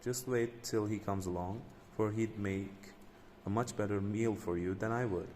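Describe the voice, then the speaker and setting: A man doing a middle-sized storybook goat, frightened, pleading, low-ish voice. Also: normal speed, a little mellow, slight background noise, natural voice.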